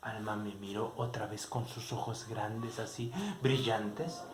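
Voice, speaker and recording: A man telling a children's story in a slow, playful, expressive way. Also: fairly low pitch, echoey room, noisy background.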